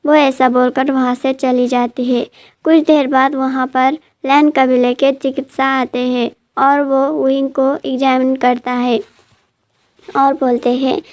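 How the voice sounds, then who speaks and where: Woman narrator, high voice, monotone, plot retelling, repetitive phrasing. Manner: plain, repetitive narration with restarts.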